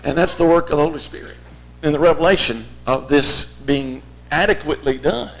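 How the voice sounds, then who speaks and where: A man's voice: fairly high pitch, fairly quick, gravelly, soft background music, rough recording. A man preaching a sermon as a teacher would, explaining point by point and posing rhetorical questions. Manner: explanatory, rhetorical questions in imagined listeners' voices.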